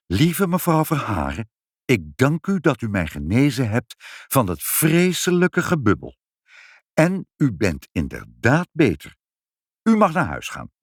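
A man's voice: mid-range voice, huge pitch swings, unhurried, no echo, clean studio sound, heavily acted. A man reading a storybook and voicing a pompous, stubborn hospital doctor who speaks in an indignant, lofty way. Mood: courteous.

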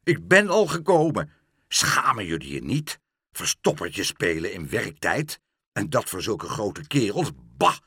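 A man voicing a pompous, hot-tempered park keeper in a storybook, blustering loudly at his workers. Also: fairly low pitch, sing-song, unhurried, slightly rough, no echo, studio quality, voice pushed down, exaggerated voice. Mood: furious. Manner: blustering, loud.

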